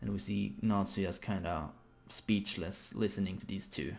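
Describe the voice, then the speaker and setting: A man's voice: low voice, fairly even intonation, moderate pace, creaky. A man casually reacting live to a manga chapter, rambling as he thinks aloud and swearing freely.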